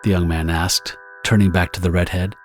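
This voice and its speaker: Male narrator for pulp-style audio drama: very low register, scripted dramatic storytelling, prominent music bed behind. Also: steady tone, moderate pace.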